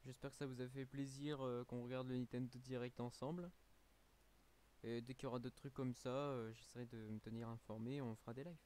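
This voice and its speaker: A French-accented man chats loosely on a live stream, trailing off into fillers and restarts. He sounds a little worn out, and his voice sits at an ordinary middle pitch. A faint hiss runs under the recording. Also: flat delivery, brisk, darkish tone. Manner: rambling, many fillers and restarts. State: a little tired. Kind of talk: casual live-stream chat.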